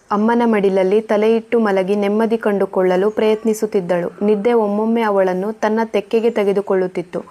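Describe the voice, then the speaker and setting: Woman storyteller, mellow warm tone, steady scripted narration. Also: mid-range voice.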